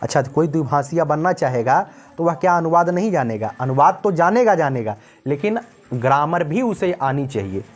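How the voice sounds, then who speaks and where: A man's voice: fairly high pitch, lively intonation. Indian man explaining notes in Hindi. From North India. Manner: explains in Hindi, reads English notes slowly, says "ठीक है ना" often. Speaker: teacher. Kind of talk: recorded exam-prep lecture.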